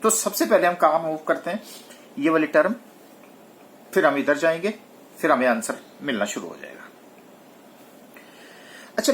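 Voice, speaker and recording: Lively male tax lecturer asking questions. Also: on the high side, a little hiss or hum. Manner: asks students rhetorical questions and answers them himself; mixes English technical terms into his speech. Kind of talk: recorded classroom lecture.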